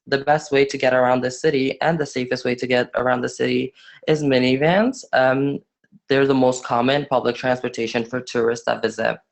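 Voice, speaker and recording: Presenting in a student webinar, a young man from Afghanistan, aged nineteen, speaks in a creaky, medium-pitched voice. His delivery is halting, often restarting and full of fillers.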